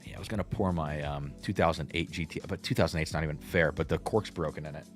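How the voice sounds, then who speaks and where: A man's voice: extremely low pitch, fast talker, soft background music. A man in his thirties hosting a casual livestream tasting, thinking aloud and reacting to chat. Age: 30s. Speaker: host.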